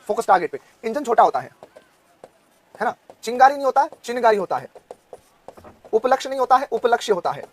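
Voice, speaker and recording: A man in his thirties with a Rajasthani Hindi accent, teaching an online exam-prep Hindi class and firing quick questions at his students. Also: high-pitched. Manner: drilling students with quick questions, loud and insistent.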